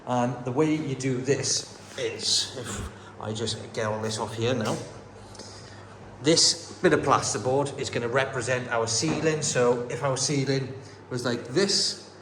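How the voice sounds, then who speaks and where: At a slightly slow pace and medium pitch, a man who works as a builder and carpenter explains his renovation in a casual DIY vlog, practical and step by step while he works. The setting is an indoor bungalow room under renovation. Recorded on a phone he holds as he works, the bare room sounds echoey with faint noise.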